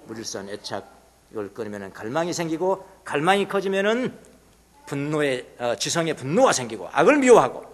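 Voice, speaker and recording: A male pastor preaching a sermon in a church, swinging from hushed asides to loud exclamations. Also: on the high side, sing-song, a little fast. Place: church sanctuary. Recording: long reverb of a church hall.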